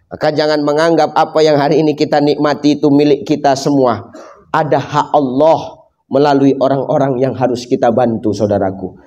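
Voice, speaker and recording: A man's voice: fairly high pitch, darkish tone. A man preaching a humorous sermon, joking and speaking straight to the audience. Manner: jokey, addresses the audience directly.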